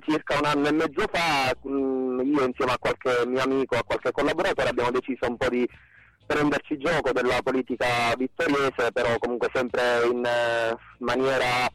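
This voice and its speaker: A man's voice: medium pitch, level tone, normal speed, fairly bright tone, poor audio. Man with a disguised voice. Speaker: radio guest. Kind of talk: casual radio interview.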